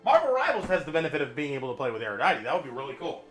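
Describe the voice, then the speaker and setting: A man's voice: a little high, very fast, music in the background. A man streaming live, chatting casually and jokily with viewers and greeting them by name. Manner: animated, jokey, greets chat members by name.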